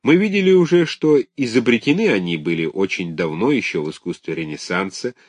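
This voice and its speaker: A man with a lowish voice reads a scholarly text aloud, measured and lecture-like. His intonation rises and falls in a lively way. The sound is close and dry, with no room around it. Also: no room sound. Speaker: audiobook narrator.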